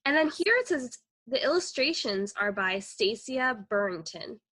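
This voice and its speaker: On a video call, a young woman co-hosts a children's read-aloud, teaching animatedly through enthusiastic questions. Her voice sits a little high and she speaks a little slowly.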